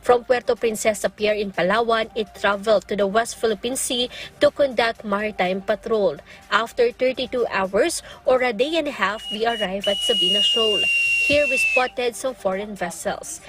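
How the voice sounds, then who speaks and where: A woman's voice: on the high side, fairly bright tone. A woman reporter with a Filipino accent reading scripted news narration.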